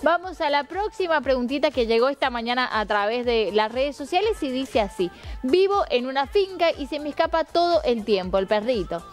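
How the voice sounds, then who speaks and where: A woman's voice: sits high, lively intonation, a little fast, soft background music. A woman hosting an interview, asking questions and agreeing briefly. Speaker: TV host.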